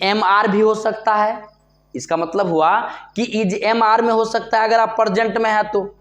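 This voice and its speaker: A man teaching English grammar in a Hindi classroom lesson. He asks questions and answers them himself, and calls his students "babu". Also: high-pitched.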